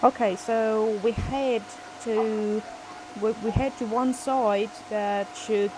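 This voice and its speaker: A woman's voice: a little high, steady tone, slow. A woman playing a tabletop game, laying out her team's plan with a lot of hesitant fillers. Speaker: player. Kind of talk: planning a tabletop game move. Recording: noisy home mic.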